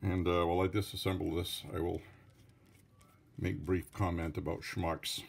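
A man's voice: sits low, flat delivery, normal speed, gravelly, slightly rough. A Franco-American man with a French-Canadian accent, giving a casual hands-on tutorial with rambling, defensive asides. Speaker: hobbyist revolver tinkerer.

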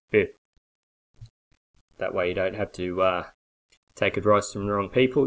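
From a small bare office, a coffee business consultant in his forties pitches directly to his desk webcam, blunt, persuasive, and emphatic with hand gestures. The recording is rough.

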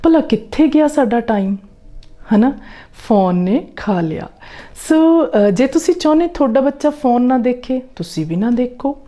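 Woman parenting coach, mellow low-bright tone, warm coaxing delivery with frequent check-ins. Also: animated, measured pace. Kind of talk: talk to camera giving parenting tips.

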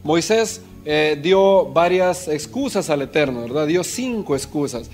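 A man's voice: a little high, animated, measured pace, darkish tone, faint music behind. A man preaching a sermon, telling a story and putting questions to his listeners. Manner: storytelling, asks the congregation questions.

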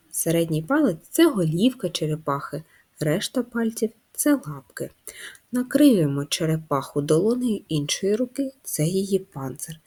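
Low, gravelly-voiced woman teaching young children. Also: a little mellow. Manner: patient, encouraging, addresses children directly; slow sing-song chanting of a children's rhyme. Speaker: first-grade teacher. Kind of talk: handwriting lesson for young children.

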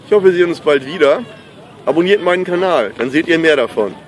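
Expressive and quick, this middle-aged man's slightly high voice carries his enthusiastic, casual vlog from a sunny marina, where he is a pop artist speaking to the camera. A handheld camera mic records faint outdoor noise and some background chatter.

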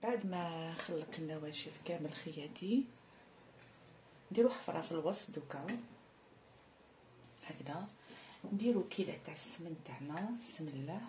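Friendly Algerian woman, low voice, cooking tutorial host, slight background hiss. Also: moderate pace, long pauses, mellow. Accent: Algerian Arabic. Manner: friendly, addresses viewers as sisters.

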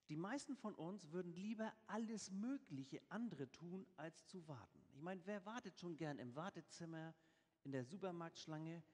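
A man preaches in a church, his high voice carrying a long reverb through the hall. He reads scripture with emphasis and then explains it in plain, everyday words. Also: a little mellow. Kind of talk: sermon.

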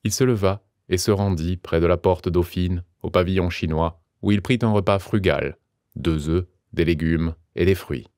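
A man narrating an audiobook in a measured, expressive reading. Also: low voice, no echo, studio quality. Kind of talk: scripted narration.

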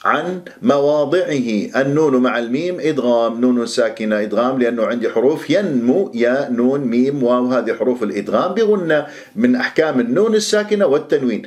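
A man teaching the rules of Quran recitation. He explains each rule plainly, then recites phrases slowly and carefully to show them. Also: medium pitch, animated, darkish tone. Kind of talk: tajweed lesson, explaining and reciting.

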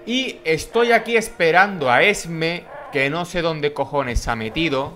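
A man's voice: a little high, a little slow, pushed and bright. A young man from Spain with a Castilian accent, commenting casually on a video game, tired late at night and swearing freely. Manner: swearing, chatty, jokey. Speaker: gaming YouTuber.

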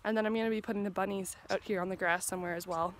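A woman in her twenties leads an upbeat, chatty vlog tour of a farm and barn, holding her phone at arm's length and pointing things out as she walks outdoors and inside the barn. She talks very fast in a mid-range voice with fairly even intonation. Slight background noise is audible.

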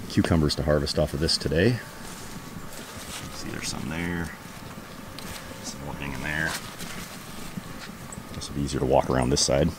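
A man in his thirties casually walking through his backyard garden, talking in a relaxed, rambling way with lots of fillers, filmed on a handheld camera outdoors. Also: extremely low pitch. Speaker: homesteading vlogger. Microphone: camera held at arm's length. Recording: outdoor background noise.

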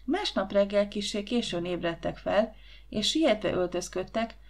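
A woman reading a storybook aloud as an audiobook narrator. Her telling is gentle and even, in a mid-pitched voice.

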